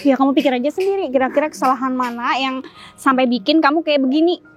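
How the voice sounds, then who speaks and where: A bossy young kidnapper snaps short orders and threats at her captive, as a woman acts her out. The voice sits fairly high, and soft music plays underneath. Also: quick pace, lightly acted. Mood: threatening. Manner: scolding, curt commands. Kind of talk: amateur web drama acting.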